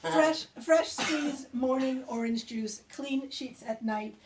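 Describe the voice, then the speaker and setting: A woman poet with a medium-pitched, slightly mellow voice reads her own work live to a small gathering, adding informal remarks to the audience. It's captured on a distant mic with background noise.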